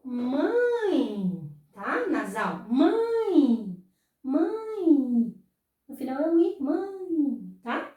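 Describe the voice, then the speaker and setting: A woman teacher with a Brazilian Portuguese accent, explaining slowly, drawing words out and answering her own questions. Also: sits high, very animated, phone-quality sound. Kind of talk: slow explanatory lesson. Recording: very echoey room, voice far from mic.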